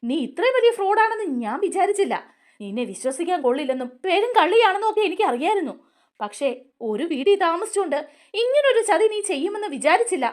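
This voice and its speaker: A stern man scolds and questions his family in a serial retelling, played by a woman narrator. His voice is high and animated, with a firm, reproachful edge. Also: fast talker. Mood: scolding. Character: stern older brother figure, scolding.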